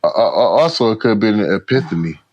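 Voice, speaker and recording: A man's voice: lowish voice, animated, fast talker, lo-fi sound, crowd noise. A man hosting a podcast, reacting in a laid-back, slangy way and calling people "bro" and "man". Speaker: podcast host. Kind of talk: casual reaction chat.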